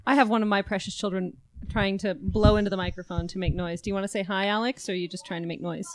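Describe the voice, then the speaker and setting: A woman's voice: mid-range voice, steady tone, fast, dry recording. Wry teasing woman on a podcast. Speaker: podcast co-host. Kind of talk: casual chat.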